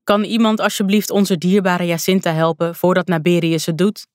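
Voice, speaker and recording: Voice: mid-range voice, little pitch movement, moderate pace, darkish tone, no room sound, studio quality, close to an everyday voice. The audiobook narrator voicing a cruel, smug male god-king who speaks with mocking, false politeness. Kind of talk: audiobook character voice.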